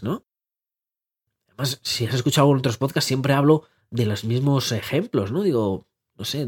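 A man with a slightly husky voice talks through a casual podcast monologue. He coaches listeners in a lively, conversational way and keeps asking rhetorical questions. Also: medium pitch. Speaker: life coach and podcast host.

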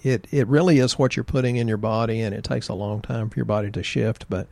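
A man's voice: lowish voice, steady tone, quick pace, vocal fry, darkish tone, no echo. A man casually talking about health in a folksy, joking, rambling way. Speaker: health practitioner co-host.

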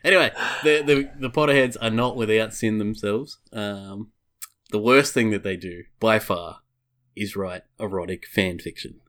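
Lower-voiced man laughing as he reads aloud. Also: moderate pace, fairly bright tone. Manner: amused, laughs through his reading. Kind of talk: casual chat and reading aloud.

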